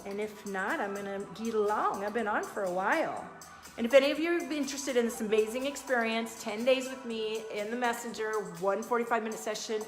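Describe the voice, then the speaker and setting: A woman's voice: fairly high pitch, roomy sound. A woman talking casually on a live stream as a life coach and energy reader, giving upbeat, motivational advice in a chatty way.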